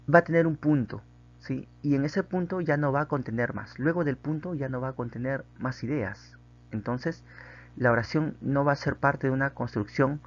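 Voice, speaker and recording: Male teacher, mid pitch, patient and explanatory, slightly muffled recording. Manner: patient, checks in with frequent tag questions. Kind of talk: recorded grammar lesson.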